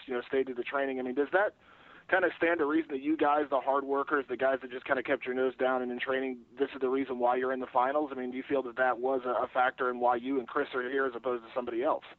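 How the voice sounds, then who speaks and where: A man with a medium-pitched voice talks fast over a narrow, dry phone line. He is a reporter putting long, conversational questions to interviewees. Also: level tone, dry recording. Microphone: telephone.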